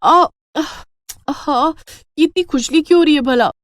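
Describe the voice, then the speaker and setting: A woman's voice: high-pitched, expressive, a little fast, dry recording, clean studio sound, voice pushed up. A woman voicing a vain, touchy young daughter-in-law in a cartoon story, whiny and protesting. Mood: shrill, panicked.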